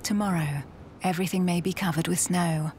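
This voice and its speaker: A woman narrates a nature documentary from a script in a measured storytelling delivery. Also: lowish voice, fairly even intonation, darkish tone, a little hiss or hum.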